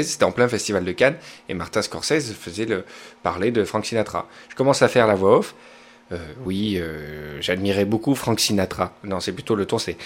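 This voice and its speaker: A man in his thirties with a Southern French accent, hosting a podcast and telling rambling, digressive anecdotes in casual chat. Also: fairly low pitch. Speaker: podcast host.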